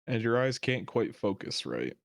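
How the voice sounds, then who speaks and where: A man narrating a tabletop game as game master in a calm, descriptive way. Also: mid-range voice, moderate pace, vocal fry, no room sound.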